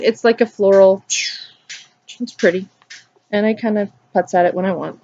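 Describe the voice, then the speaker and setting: This is a woman in her thirties vlogging about her stitching projects. She rambles cheerfully from one thing to the next with frequent ums, her voice sitting a little low. The sound is somewhat dull, like a plain home recording. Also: gravelly, a little hiss or hum. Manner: rambling, upbeat, lots of ums. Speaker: flosstube vlogger. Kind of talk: casual chatty show-and-tell.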